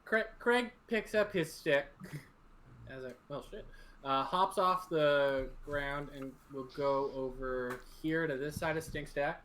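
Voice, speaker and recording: Player, male, relaxed, halting delivery with fillers, tabletop game. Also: fairly high pitch, a little hiss or hum. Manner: relaxed, halting dice talk. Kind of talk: casual tabletop play.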